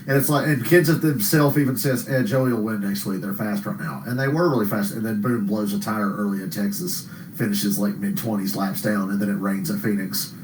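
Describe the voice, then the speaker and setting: A man's voice: medium pitch, recorded from a distance. A middle-aged man co-hosting a podcast, chatting casually and rambling through stories with frequent laughs. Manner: rambling storyteller, laughs often, quick interjections. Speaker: podcast co-host. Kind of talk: casual chat. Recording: roomy sound, set back from the mic.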